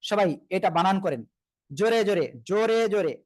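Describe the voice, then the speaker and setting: A fairly high-voiced man with a Bangladeshi Bengali accent leads a live online Quran reading class. He spells out letters slowly and patiently, asking his students to repeat after him. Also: expressive, darkish tone, dry recording. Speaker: Quran teacher.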